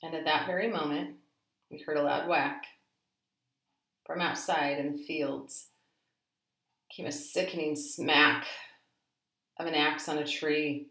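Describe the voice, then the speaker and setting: Woman doing a storybook read-aloud, lowish voice, rhythmic and expressive, echoey room. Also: slow pace, long pauses. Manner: emphatic, rhythmic. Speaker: storybook reader. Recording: roomy echo.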